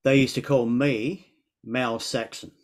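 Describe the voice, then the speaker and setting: A man's voice: mid-range voice, steady tone, a little slow. A middle-aged man with an Australian accent hosting an interview over a video call, telling stories and backing the guest with frequent "yeah"s. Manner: friendly storytelling, frequent "yeah" backchannels. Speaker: interview host. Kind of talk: casual interview chat. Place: indoor room at home.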